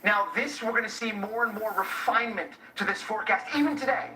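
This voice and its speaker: A man presenting a live forecast as a TV weather expert, deliberate and emphatic, repeating key points. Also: high-pitched, bright, forceful tone. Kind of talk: live forecast explanation and handoff. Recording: roomy, distant sound with faint noise.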